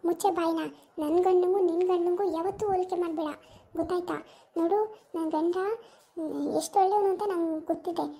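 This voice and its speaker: A woman's voice: very high-pitched, steady tone, fairly quick. A woman playing a jealous, hot-tempered young wife in an amateur village drama, who hurls scornful insults. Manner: scornful, accusing, shouting insults.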